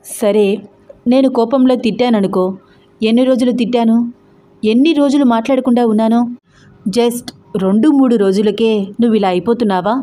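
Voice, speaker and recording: A woman's voice: on the high side, steady tone, moderate pace, long pauses, dark tone, lightly acted. A woman voicing a young wife who reproaches her husband with firm, hurt words in an audio story. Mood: scolding.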